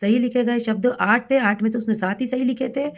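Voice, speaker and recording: A woman teacher speaks in a somewhat high voice, guiding fellow teachers through an assessment step by step. She is patient and explanatory, and slows right down when she reads out words for dictation. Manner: patient, addresses listeners as colleagues, reads words slowly for dictation. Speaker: primary school teacher.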